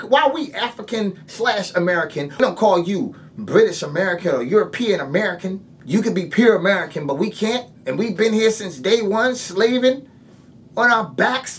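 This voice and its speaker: Impassioned man with a lively, swinging voice. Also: high voice, a little hiss or hum. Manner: forceful, blunt, profane, rhetorical questions. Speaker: video creator. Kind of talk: impassioned spoken monologue.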